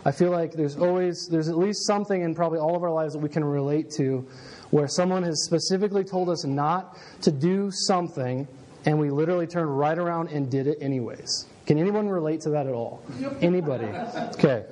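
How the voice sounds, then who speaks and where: A man's voice: fairly high pitch, brisk, darkish tone. A man in his late twenties giving a casual sermon, opening with a self-deprecating childhood story before turning to scripture. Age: 20s.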